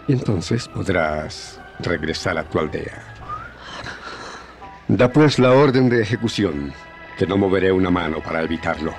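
An actor playing a noble, fearless, serene hero in a radio adventure serial, solemn and declamatory. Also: male voice, low-pitched, expressive, unhurried, soft background music. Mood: resigned, firm.

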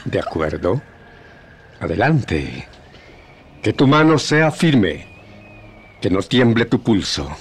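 Kalimán, a deep, serene hero. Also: male voice, sing-song, slight background noise, full character voice. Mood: challenging. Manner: solemn, measured, declamatory. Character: noble, serene, fearless adult male adventure hero. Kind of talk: old radio adventure serial acting.

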